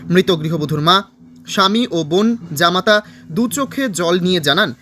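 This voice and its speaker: A man reading a local news report in a formal, even voice-over. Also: high voice, unhurried. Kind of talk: scripted news narration.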